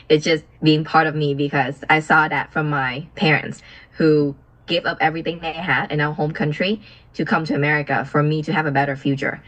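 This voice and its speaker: A young woman from Vietnam, a business partner chatting casually on a video call, friendly and asking questions with fillers and soft laughs. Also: sits low, steady tone, moderate pace, muffled recording.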